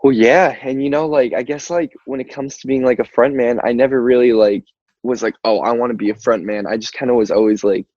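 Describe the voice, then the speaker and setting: Here a young American singer in a band, from Albany, New York, talks fairly quickly at medium pitch with fairly even intonation and a slightly mellow sound. As an interview guest he chats casually, rambling with plenty of "like" and "you know" and easy laughs. The audio comes across muffled and roomy, call-style.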